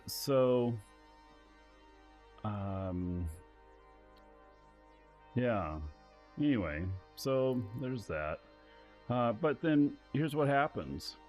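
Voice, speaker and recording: A man casually commentating a game live stream, thinking aloud in a relaxed way. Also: mid-range voice.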